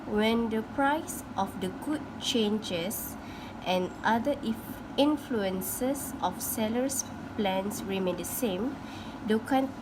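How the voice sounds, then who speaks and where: A young woman, a university student, giving a class presentation on a graph, halting and restarting as she explains. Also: on the high side. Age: young adult. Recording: noisy phone recording with hum.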